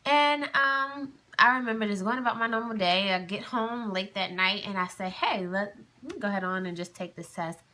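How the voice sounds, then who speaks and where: A woman's voice: medium pitch, normal speed, pushed and bright. A woman in her twenties telling a personal story to camera in a casual, chatty way, laughing often and acting out her own past words. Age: 20s. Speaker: vlogger.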